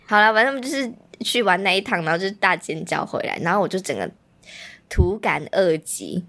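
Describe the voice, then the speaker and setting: A woman's voice: medium pitch, animated, fairly quick, fairly bright tone. A woman, co-hosting a podcast in casual chat, still phlegmy after losing her voice, playful and teasing. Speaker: podcast co-host.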